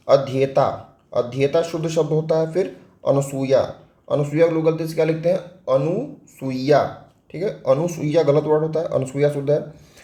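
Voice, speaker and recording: A man's voice: a little high, dark tone, reverberant. A man teaching a spelling lesson for exam prep. He explains step by step with a Hindi accent, asking questions and answering them himself.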